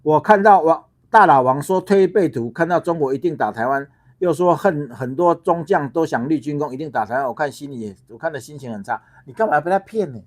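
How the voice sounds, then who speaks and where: A middle-aged man from Taiwan hosts his own political livestream in a heated monologue. His fairly high voice swings up and down sharply as he fires off rhetorical questions, stumbles over repeated words and curses freely. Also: animated, fairly quick. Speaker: political party founder and livestream host.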